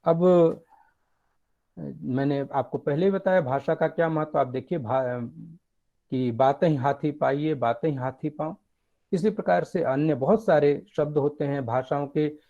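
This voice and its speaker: A man's voice: a little high, unhurried. Muffled man giving a lecture. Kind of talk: academic lecture.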